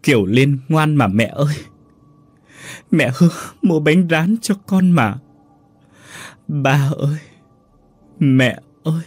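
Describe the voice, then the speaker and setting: A man voicing a grieving thirteen-year-old girl who sobs and cries out, husky-voiced. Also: a little high, expressive, slow pace, pauses often, no room sound, faint music behind, pitched above the performer's own voice, full character voice. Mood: wailing. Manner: sobbing, crying out.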